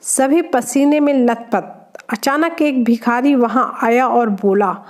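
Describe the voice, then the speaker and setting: A woman reading out a string of short jokes, narrating evenly and dropping her voice lower for the male characters. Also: takes it slowly, darkish tone. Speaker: joke reader. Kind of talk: reading Hindi jokes aloud.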